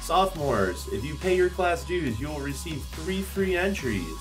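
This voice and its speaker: A male announcer reads a scripted promo with animated intonation and a fairly high voice. Faint music plays underneath. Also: moderate pace.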